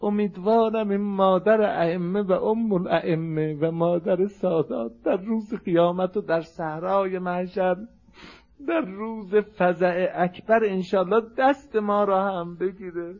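A man's voice: sits high, steady tone, phone-quality sound. A man performing a mournful religious recitation, half spoken and half chanted, his voice turning tearful and plaintive.

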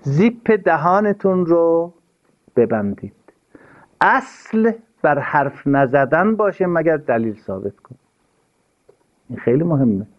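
A man's voice: mid-range voice, very animated, long pauses. A man giving an earnest, sermon-style talk, stressing his points and repeating key phrases. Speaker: religious speaker. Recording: dull lo-fi recording.

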